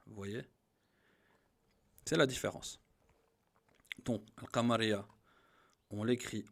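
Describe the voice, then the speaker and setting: A man gives a patient grammar lesson. He has an even, mid-pitched voice. He slows down and leans on each example word as he repeats it. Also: vocal fry. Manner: patient, repeats each example slowly and stresses the Arabic words. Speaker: Arabic teacher.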